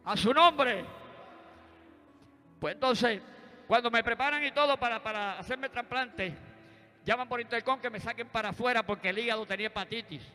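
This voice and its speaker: Preacher, man, high bright voice, keeps calling out amen between lines. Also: normal speed, pauses often. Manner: punctuates his story with calls of amen and praise. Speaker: preacher giving a testimony. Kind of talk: sermon testimony. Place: church. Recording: church hall reverb with faint music.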